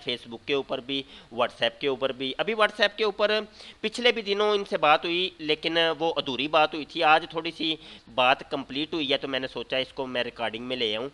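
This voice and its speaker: Man, presenter, bright forceful tone, slightly high voice, chatty explaining. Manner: explanatory, conversational with restarts. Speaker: channel presenter. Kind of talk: casual spoken introduction.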